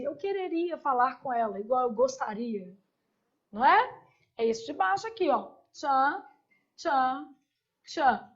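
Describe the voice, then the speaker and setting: High-voiced woman teaching grammar. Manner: spells out verb forms slowly, asks the class rhetorical questions. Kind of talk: classroom grammar lesson. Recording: dull, lo-fi lecture recording.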